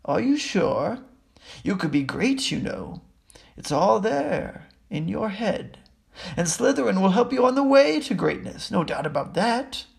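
A man voicing a wise, probing old magic hat that muses slowly and coaxes, with a gravelly voice. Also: sits high, very animated, voice pushed up, heavily acted. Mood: coaxing. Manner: musing, drawn-out and coaxing.

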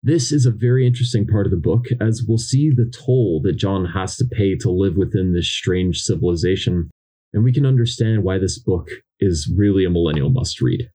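A young man co-hosts a book podcast and drops dry, sarcastic remarks between plot points. His voice is low and mellow with a slightly husky edge. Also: moderate pace. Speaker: podcast co-host. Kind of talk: casual book discussion.

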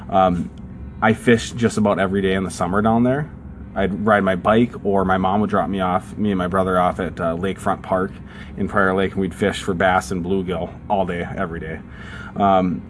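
A young man with a deep voice co-hosts a podcast, telling stories in a casual, rambling chat full of fillers. He has a northern Minnesotan accent and is listed as being from the southern United States, and there's a little hiss or hum on the audio.

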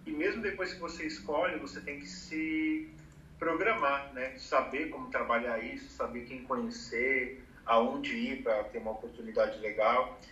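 A man's voice: medium pitch, fairly even intonation, unhurried, sharp tone, reverberant, distant mic, lo-fi sound, a little hiss or hum. A man in his thirties from Brazil, talking casually about career planning with many fillers. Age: 30s. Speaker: advertising professional giving career advice. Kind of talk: casual conversation.

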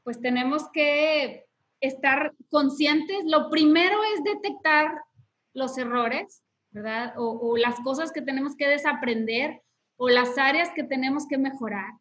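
High-voiced woman giving advice. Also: measured pace, fairly bright tone, dull audio. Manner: instructive, lists steps, frequent tag questions. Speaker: podcast host. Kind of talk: casual faith podcast conversation.

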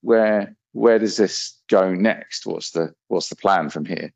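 A man's voice: takes it slowly, gravelly, darkish tone, dry recording. A man hosting a podcast, asking blunt, probing questions in a conversational way. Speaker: podcast host, interviewer. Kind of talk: conversational interview. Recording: dry, muffled low-fidelity audio.

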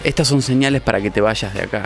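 Joven argentino contando anécdotas animado. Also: male voice, fairly low pitch, fast talker, soft background music. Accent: Rioplatense Spanish. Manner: animated, acts out quoted voices. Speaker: radio show co-host. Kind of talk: casual storytelling chat.

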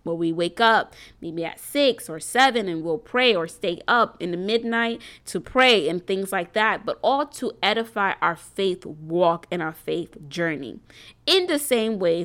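A woman's voice: medium pitch, lively intonation, unhurried, a bit bright. Chatty, preacherly woman talking to viewers. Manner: chatty and rambling, with many ums and restarts; preacherly and earnest. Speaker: host of a faith and business group. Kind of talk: casual talk to viewers.

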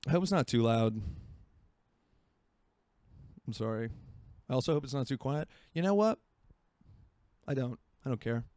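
Rambling self-mocking young man, mellow voice. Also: medium pitch, normal speed, pauses often, dry recording. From Florida. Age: 20s. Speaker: podcast host. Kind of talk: solo casual podcast chat. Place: home by a marina.

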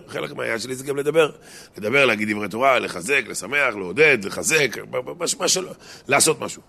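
A man, a rabbi giving a lively, jokey Torah talk to a small congregation and asking his listeners questions. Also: medium pitch, creaky. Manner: animated, jokey, addresses listeners directly with questions.

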